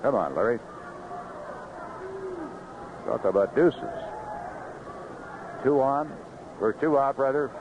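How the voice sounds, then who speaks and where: Here a mid-range, animated male voice calls baseball on the radio, going slowly with frequent pauses and slipping into folksy chat between plays. It comes from an outdoor ballpark's broadcast booth, recorded with the dull, noisy character of 1970s radio.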